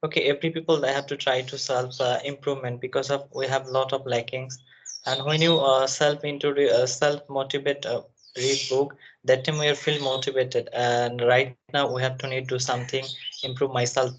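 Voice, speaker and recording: A man from Bangladesh, a nursing student, speaking haltingly and searching for words in a conversation practice call. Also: medium pitch, flat delivery, a little hiss or hum. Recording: dull lo-fi sound.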